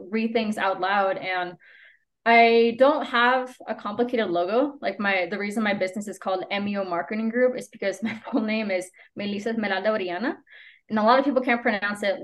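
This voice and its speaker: A woman with a mid-range voice speaks at a moderate pace as a podcast guest in a casual interview. Spanish is her first language, and she's a copywriter and business owner whose informal talk is peppered with "like" as filler.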